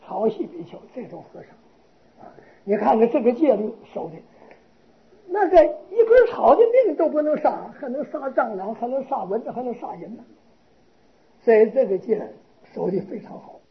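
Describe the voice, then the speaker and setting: A man, a Buddhist monk, giving a dharma talk and telling a lively story. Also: extremely high pitch, normal speed, muffled recording. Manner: lively storytelling, acts out characters.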